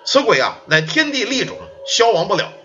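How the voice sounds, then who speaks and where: A man's voice: high-pitched, very animated, pushed and bright, lo-fi sound, heavily acted. Man doing an old pleading ghost. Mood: grave. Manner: slow, pleading, old-fashioned formal speech.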